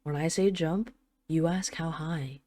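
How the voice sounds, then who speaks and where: In a clean, echo-free studio recording, a woman with a low, somewhat slow, dark voice plays a possessive dragon queen in an intimate roleplay audio drama. She sounds stern and possessive, teasing, condescending and commanding by turns.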